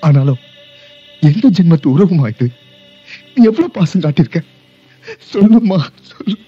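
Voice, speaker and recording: A man's voice: high-pitched, animated, moderate pace, husky, lo-fi sound, soft background music. An actor playing a grieving young man who talks with tearful, pleading emotion to the woman who raised him. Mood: bitter. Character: grieving young adult son, bitter toward his birth mother. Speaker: grown son Sathya.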